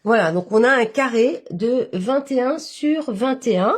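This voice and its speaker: Stuffed up with a cold, this woman speaks nasally in a fairly high, animated voice at an unhurried pace. As a papercraft instructor on a live stream, she explains a craft project step by step, with lots of filler words.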